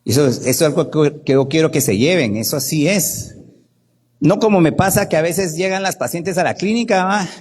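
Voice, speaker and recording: Fairly high-pitched and fairly quick, a male doctor delivers a lively Guatemalan Spanish workshop, with a little hiss or hum on the recording. He acts out the people he quotes and regularly asks "¿verdad?".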